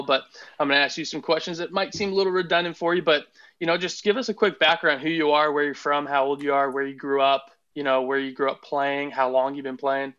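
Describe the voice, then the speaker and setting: Podcast host, man, bright forceful tone, stammers and repeats, muffled lo-fi sound. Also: on the high side. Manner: stammering restarts, hype, swears casually. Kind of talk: casual podcast interview. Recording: dull lo-fi podcast audio.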